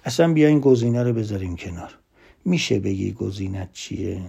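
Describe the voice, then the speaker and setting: A man giving a lively motivational talk, emphatic, swinging between loud asides and hushed whispered lines. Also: lowish voice, vocal fry, breathy edge. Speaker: motivational speaker.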